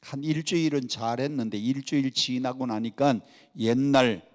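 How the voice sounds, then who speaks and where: Korean pastor preaching in a reverberant hall. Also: male voice, mid-range voice, normal speed. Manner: animated preaching, leads congregation in call-and-response. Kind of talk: sermon. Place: church sanctuary.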